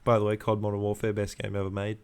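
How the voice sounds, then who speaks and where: A man's voice: lowish voice, completely flat delivery, fast talker, a little mellow, clean tone. A young man casually ranting as a podcast host, with laddish slang, heavy swearing and exasperated repetition for emphasis. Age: young adult.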